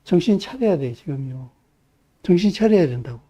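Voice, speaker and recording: Impassioned high-voiced male pastor. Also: animated, normal speed, mellow. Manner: impassioned, emphatic, rising to fervent peaks. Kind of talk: sermon. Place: church.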